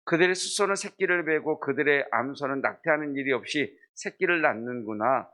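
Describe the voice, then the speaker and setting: A man's voice: mid-range voice, fairly quick. A middle-aged man preaching an early-morning sermon as pastor, earnest and building to a raised, impassioned close. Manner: earnest preaching that swells louder toward the end.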